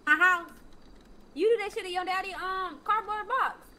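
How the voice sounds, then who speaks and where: A woman's voice: sits high, animated, fairly quick, pushed and bright. A woman playing a nagging, foul-mouthed mother who scolds her teenage son over and over in an improvised game role-play. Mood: angry, accusing.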